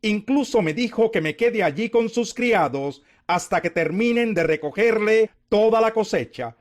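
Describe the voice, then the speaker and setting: A man's voice: high-pitched, animated, normal speed. A man voicing a humble, grateful young foreign widow in scripted scripture dialogue, with deferential phrasing. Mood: earnest, deferential.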